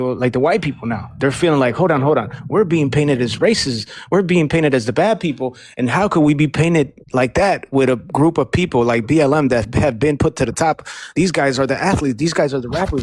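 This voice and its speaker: A man hosting a live online panel discussion, talking quickly and emphatically and repeating phrases for stress. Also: fairly high pitch, dry recording. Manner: rapid, emphatic, repeats himself.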